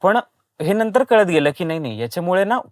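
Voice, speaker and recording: In a clean, echo-free studio recording, a voice and dubbing actor with a high, very animated voice speaks a little fast as an interview guest. He talks conversationally about his work, stressing points by repeating phrases and mixing in English words.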